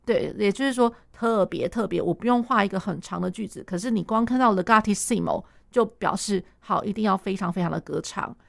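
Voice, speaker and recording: Animated woman piano teacher, gravelly. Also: mid-range voice, brisk, few pauses. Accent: Taiwanese Mandarin. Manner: animated, sings and scats the notes; laughs often. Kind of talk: explaining a piece in a chat.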